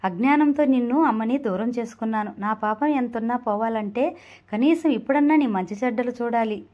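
A woman's voice: on the high side, brisk, dull audio, lightly acted. A woman reading a pleading remorseful father. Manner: earnest, pleading storybook reading.

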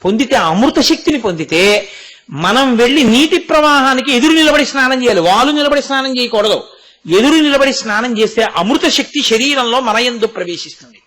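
A man's voice: very high voice, animated, fairly quick, sharp tone. A man giving a devotional discourse, explaining with everyday examples and rhetorical questions. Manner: recites Sanskrit verses in a chanting cadence. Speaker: spiritual speaker.

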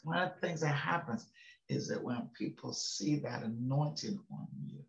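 On a video call webcam, an older male pastor with a higher-pitched voice preaches at a moderate pace from his home study with bookshelves. His casual, folksy devotional includes chuckles and check-ins with listeners, and the echoey room sound is slightly dull with slight background noise.

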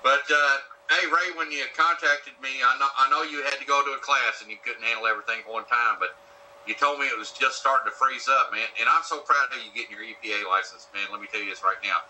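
A man's voice: medium pitch, steady tone, fast, bright, forceful tone, a little hiss or hum, rough recording. Upbeat slangy man on a video call. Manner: enthusiastic and slangy, calls people "brother" and "man". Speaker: channel host. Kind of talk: casual chat over a video call.

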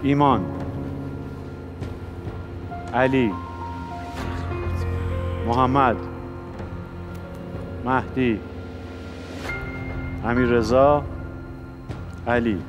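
Host, male, mid voice, brisk announcer, clear music behind. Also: medium pitch. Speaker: game show host. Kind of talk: moderating a party game. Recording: studio with music underneath.

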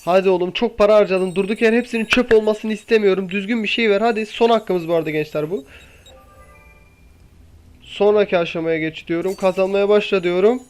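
A man's voice: high voice, fairly quick, darkish tone. A young man giving casual gameplay commentary, impatiently pleading and coaxing the game as he plays. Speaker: gaming YouTuber.

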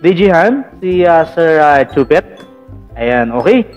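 A man hosting a casual live call-in vlog, chatty and teasing, filling pauses with "ayan". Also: fairly high pitch, sing-song, a little mellow, highs cut off, faint music behind. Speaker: vlog radio-style host taking callers.

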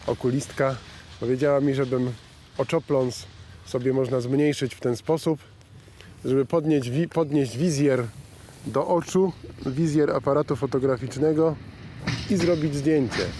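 A man's voice: medium pitch, steady tone, unhurried, dark tone, a little hiss or hum. A man talks personally and reflectively about his hobby, in plain-spoken documentary style. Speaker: amateur railway photographer.

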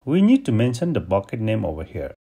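A man from Nepal hosting a step-by-step software tutorial, giving steady instructions over a screen recording. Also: on the low side, a little fast, breathy edge. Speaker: tutorial host.

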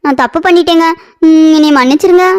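A woman's voice: sits high, fairly quick, lightly acted. A woman voicing a remorseful young wife in a cartoon, pleading and apologetic. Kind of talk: cartoon voice acting.

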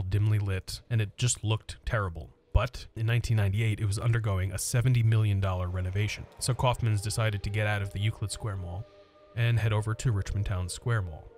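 A man narrating the history of an abandoned mall as a scripted voice-over, measured and informative. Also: lowish voice, darkish tone. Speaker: urban exploration vlogger narrating history.

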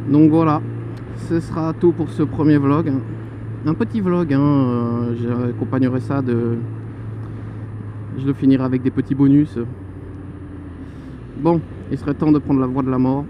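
A man's voice: medium pitch, little pitch movement, a little slow, long pauses. Young man talking while riding a motorbike. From Paris suburbs. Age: 20s. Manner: chatty, joking, exclaims "oh là là". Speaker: motovlogger. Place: motorcycle on city roads. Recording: lo-fi helmet mic with traffic noise. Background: traffic and horns.

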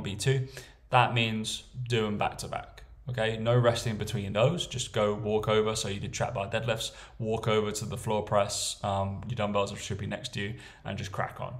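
A young man coaching casually while walking through a training plan, often checking in with "okay?" and "right?". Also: mid-range voice. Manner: chatty, tags lines with "okay?" and "right?". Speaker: strength coach. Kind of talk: casual screen-share walkthrough.

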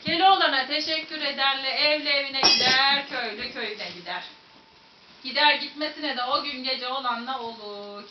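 A woman with a Central Anatolian Turkish accent tells folk tales in a high-pitched, lively, dramatic voice, addressing her listeners directly. She's recorded in a museum room from a distant mic, so the sound is echoey, dull, and carries faint noise.

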